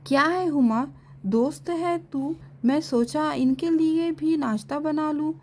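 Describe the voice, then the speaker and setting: A woman reading the part of a suspicious young female student, brisk and teasing. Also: sits high, darkish tone, slight background noise.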